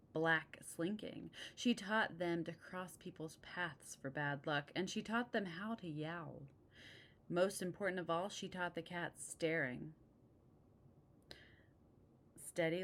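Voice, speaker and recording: A woman's voice: sits low, fairly bright tone. A woman reading a picture book aloud expressively, adding casual asides about the pictures.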